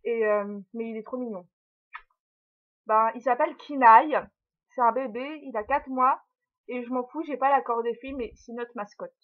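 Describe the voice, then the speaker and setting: A woman's voice: a little high, moderate pace. A young woman chatting casually and giggling through a haul video at home, filling her talk with little hesitations and talking to her puppy. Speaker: vlogger. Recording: dull lo-fi sound.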